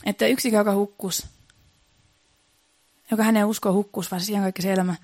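Woman preacher, mid-pitched, earnest and repetitive, dry room. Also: fairly even intonation, a little mellow, no room sound. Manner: earnest, repetitive, building emphasis. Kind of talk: sermon.

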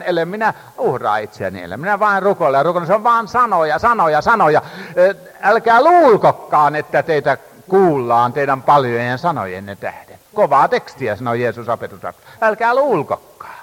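Male preacher, fervent sermon delivery with hesitant "äh" fillers; lively, somewhat high voice; long reverb of a large hall. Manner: impassioned, rising and falling emphasis, frequent hesitations.

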